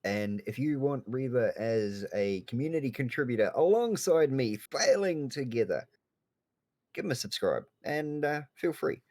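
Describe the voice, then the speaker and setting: A man's voice: medium pitch, expressive, moderate pace, darkish tone, no echo. A man with an Australian accent talking casually as a co-host on a live game stream, laid-back and rambling.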